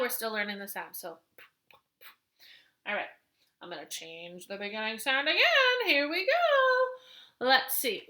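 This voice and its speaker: A woman's voice: mid-range voice, pushed and bright. A woman teaching phonics to young children, patiently stretching out letter sounds as she builds words. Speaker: kindergarten teacher.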